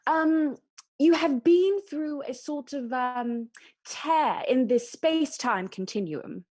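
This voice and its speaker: A woman's voice: high-pitched, animated, slow pace, darkish tone. A woman playing a polite, formal island housekeeper who hesitates with many ums.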